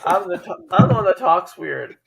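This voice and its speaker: A man's voice: high voice, expressive, creaky, a bit bright, low-quality recording. A man with a Chicago accent co-hosting a casual sports commentary stream, calling plays and teasing his partner. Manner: teasing, quick play-by-play. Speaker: co-host and commentator.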